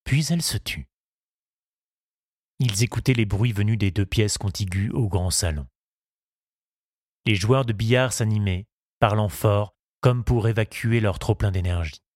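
Man, audiobook narrator, low voice, husky, dry close recording, measured. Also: a little mellow, no room sound.

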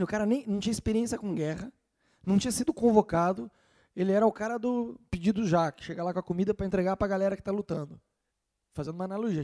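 A man preaching in a casual, storytelling way, acting out the characters' lines in quick little voices. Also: sits high. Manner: lively, acts out dialogue in quick voices.

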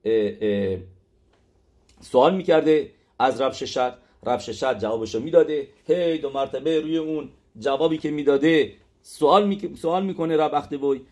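A man's voice: on the high side, a little mellow. Hesitant man teaching a text lesson. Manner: explanatory, hesitant with many fillers. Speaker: religious teacher.

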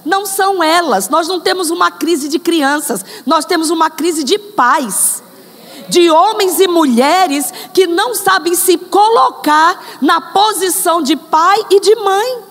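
Woman, preacher, sermon, high voice, unhurried, talks to the congregation, acts out examples, long hall reverb. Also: fairly bright tone.

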